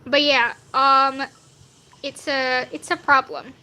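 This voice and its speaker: Here a streamer, a woman of nineteen, draws fan art live and keeps up a casual, slangy, self-mocking ramble. Her voice sits high with little pitch movement, sounding younger than she is, and she speaks slowly in a pushed, bright way.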